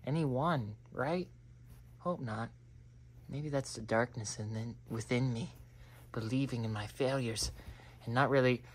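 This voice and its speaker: A woman with a very deep voice gives a rambling comedic monologue at a measured pace, pausing often. She keeps cutting herself off and swings between muttering and loud outbursts.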